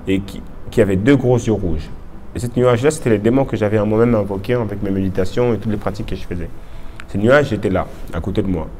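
A man's voice: on the low side, warm tone, slight background noise. A young man from Congo telling his personal testimony in an informal way, often restarting his sentences.

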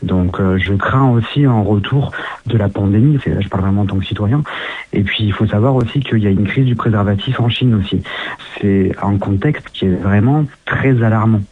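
A man from France, a guest in an interview, answering quickly and earnestly with many restarts, heard down a phone line. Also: fairly low pitch, a little hiss or hum. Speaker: guest, social media activist.

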